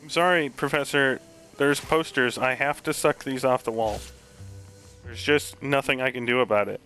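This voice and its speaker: A man's voice: medium pitch, fairly even intonation, normal speed, pushed and bright, smooth, faint music behind, rough recording. A man giving casual, rambling commentary while playing a video game, full of joking asides. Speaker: gaming channel host.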